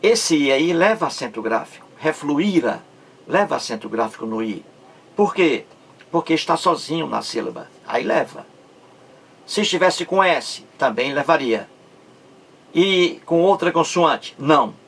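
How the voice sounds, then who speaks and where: A man gives a patient grammar lesson, speaking very slowly with a gravelly, slightly husky voice. He stretches words out syllable by syllable and keeps checking that his listeners follow. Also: on the high side, animated, fairly bright tone. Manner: slow, stretches out words syllable by syllable, asks rhetorical check-ins. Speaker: Portuguese grammar teacher. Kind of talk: explanatory video lesson.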